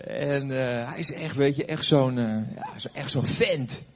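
A man's voice: medium pitch, a little slow, muffled recording. An older man, a pastor, giving a sermon before a live audience, telling a story conversationally with fillers and questions to the listeners.

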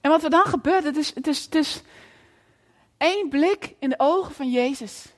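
A woman preacher delivering a lively storytelling sermon in a church, often asking the audience questions. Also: sits high, moderate pace, in a large hall.

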